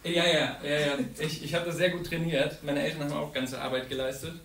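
A man's voice: fairly high pitch, fairly quick. A young man from Saxony giving an informal, earnest sermon, acting out the psalm's lines with feeling. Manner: earnest, animated, acts out psalm voices. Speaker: preacher. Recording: echoey room, distant mic, noisy.

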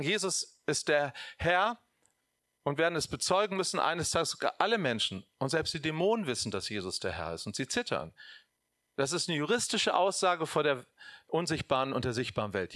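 Man, preacher, sermon, lively direct address, slightly high voice. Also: no room sound, studio quality.

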